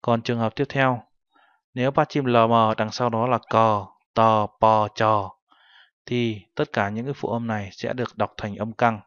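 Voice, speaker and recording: This Korean language teacher has a fairly low, smooth voice with a level tone and a slightly bright quality, speaking at normal speed. He patiently goes through a textbook lesson, translating each phrase in turn. The audio is dry, dull, and lo-fi.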